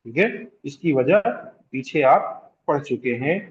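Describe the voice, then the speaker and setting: A man teaching Quranic recitation rules in a slow classroom lecture with a Hyderabadi Urdu accent, repeating terms, asking the class questions and drawing out vowels to show their length. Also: mid-range voice, expressive, lo-fi sound. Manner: draws out vowels to demonstrate elongation. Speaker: tajweed teacher.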